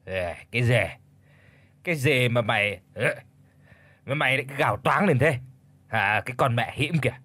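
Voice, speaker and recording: A man's voice: mid-range voice, lively intonation, normal speed, long pauses, bright, forceful tone, no room sound. A male narrator voicing a drunk old village man who slurs his words. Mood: drunken. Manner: slurred, drunken growl.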